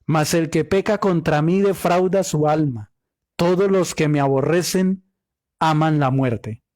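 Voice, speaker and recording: Higher-voiced man teaching the Bible. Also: a little slow, darkish tone, no echo, clean studio sound. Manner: reads scripture aloud and explains Hebrew word meanings, asking rhetorical questions.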